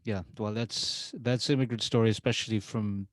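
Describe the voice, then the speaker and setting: A man hosts a casual podcast interview in a fairly low voice, pausing often and filling the gaps with uh. The recording is dry and close, with no room sound around him. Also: steady tone, no echo. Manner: hesitant, many uh fillers. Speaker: podcast host. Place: university setting.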